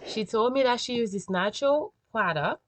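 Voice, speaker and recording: A middle-aged woman hosting a health podcast solo, talking emphatically and deliberately while crammed in a small closet without her usual mic. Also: fairly high pitch, lively intonation, fairly bright tone, no room sound. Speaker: podcast host and functional medicine doctor. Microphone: makeshift, without the usual microphone.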